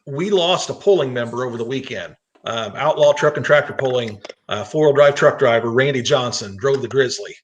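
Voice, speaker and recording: A man's voice: mid-range voice, brisk, few pauses, slight background noise. An American man, a tractor pull announcer, hosting a casual talk show in conversation. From East Central Illinois, United States.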